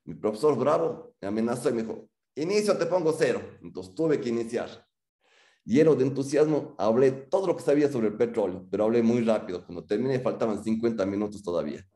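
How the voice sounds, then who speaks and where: A man's voice: medium pitch, fast talker, echoey room. A man, telling a humorous personal story and acting out the people he quotes. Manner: humorous, animated, acts out quotes.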